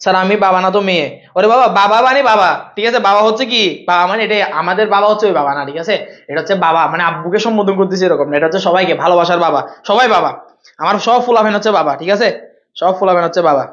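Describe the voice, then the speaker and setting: A young man from Chittagong with a Chittagonian accent, teaching accounting in a loud, playful way and answering chat questions during a live online class. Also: high voice, rapid-fire, echoey room, dull audio. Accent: Chittagonian Bengali. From Chittagong, Bangladesh.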